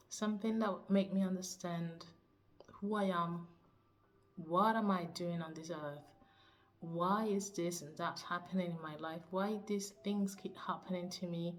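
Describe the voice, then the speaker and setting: A woman from Cuba, a teacher and spiritual coach, introducing herself to camera in a soft, searching way, often laughing and pausing to find words. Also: lowish voice, steady tone.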